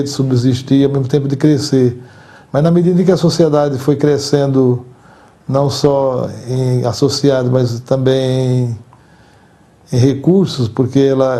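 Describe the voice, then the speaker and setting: The association's departing president, an older man with a Brazilian Portuguese accent, responds formally and with care, choosing each word and repeating a few. He has a dark, mid-range voice.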